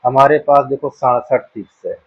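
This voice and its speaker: A man's voice: medium pitch, fairly even intonation, normal speed, breathy edge. A man teaching a school maths lesson, patiently working through counting problems and often checking that students follow. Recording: dull dry lo-fi room sound.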